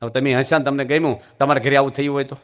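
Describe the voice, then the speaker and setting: A man's voice: medium pitch, level tone, very fast, clean tone. A man with a Gujarati accent giving a religious discourse, telling anecdotes with humorous asides to his audience. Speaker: monk preacher.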